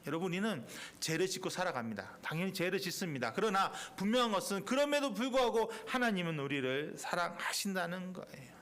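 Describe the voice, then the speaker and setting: A male pastor delivers a sermon in a church sanctuary. His voice sits fairly high for a man, and he swings between fervent, emphatic peaks and quiet, low asides. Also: sing-song, fast talker, few pauses. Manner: impassioned preaching with rising emphatic peaks and quiet drops.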